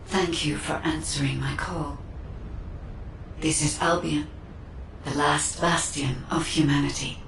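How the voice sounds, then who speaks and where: A woman voicing a calm, solemn female AI guide heard as a disembodied voice in the mind, speaking in a slow, measured, pleading way. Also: sits low, creaky, full character voice. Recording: echoey, distant, faint noise.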